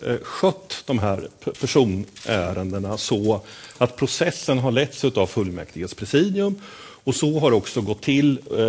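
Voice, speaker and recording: A man, vice chair of a board, explaining a process at a press conference in a halting way with frequent filler sounds and throat clearing. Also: lowish voice, a little mellow.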